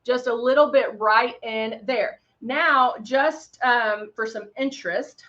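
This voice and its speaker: Her voice a little high and a bit bright, this middle-aged Texan woman speaks slowly as she hosts a makeup brand's livestream. In a country accent she chats upbeat, greets viewers, works on her makeup, and makes playful sound effects, with dull, lo-fi audio.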